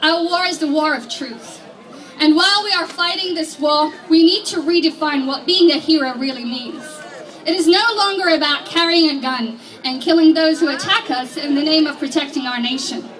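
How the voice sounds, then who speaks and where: High-voiced woman at rally. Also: normal speed, fairly bright tone. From Iraq. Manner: earnest, emphatic, with slight nervous restarts. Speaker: rally speaker and organizer. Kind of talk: outdoor rally speech, partly read from notes. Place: outdoor protest rally. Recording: distant mic with crowd behind.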